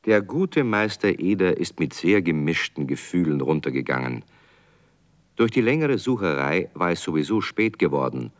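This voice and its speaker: A man narrating a radio play in a calm storytelling manner. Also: low voice, normal speed.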